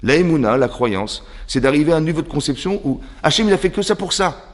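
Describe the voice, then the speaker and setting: A man with a French accent giving a religious lesson to a women's class as a rabbi, animated and throwing rhetorical questions at his listeners. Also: a little high, fast, in a large hall. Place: seminary classroom.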